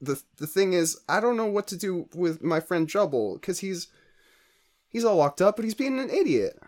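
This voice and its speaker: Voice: mid-range voice, very animated, normal speed, darkish tone, pitched above the performer's own voice, natural voice. A player voicing a shy bird character who rambles and hesitates, full of fillers. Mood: awkward, nervous. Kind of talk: playing a character in a tabletop game.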